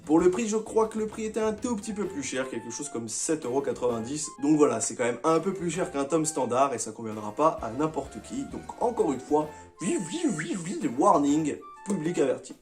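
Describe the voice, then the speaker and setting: A man's voice: fairly high pitch, a little mellow. A man talking casually and enthusiastically to his viewers as he reviews his monthly manga picks, with slangy, chatty phrasing.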